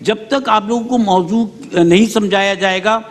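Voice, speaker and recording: A man in a studio panel picks out speakers' pronunciation errors one by one, in a voice set slightly high. His critique carries a long hall reverb. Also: measured pace. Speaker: judge of a speech contest.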